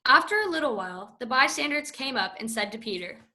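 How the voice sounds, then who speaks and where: Woman narrator, church reading; bright, slightly high, steady. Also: fairly quick. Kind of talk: liturgical scripture narration.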